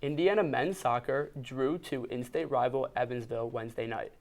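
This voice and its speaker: A man's voice: medium pitch, moderate pace, a little mellow. A young man reading scripted sports news as an anchor in a TV studio.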